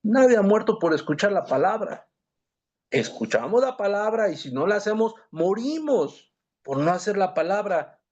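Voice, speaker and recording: A man with a high-pitched voice leads a church Bible class. He reads scripture aloud in an earnest tone and turns often to his listeners as brothers. The recording sounds dull and lo-fi. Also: big pitch swings, moderate pace, a little mellow.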